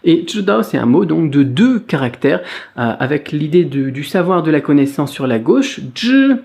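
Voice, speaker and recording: A man teaching a casual video lesson, chatty with frequent fillers, who slows down and draws out syllables when he demonstrates the tones. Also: fairly high pitch, lively intonation, vocal fry, darkish tone. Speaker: Mandarin teacher.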